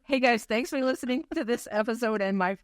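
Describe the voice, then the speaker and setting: A woman's voice: a little high, brisk, dry recording, clean studio sound. A woman hosting an interview show, affirming and encouraging her guest. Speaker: podcast host. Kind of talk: interview chat.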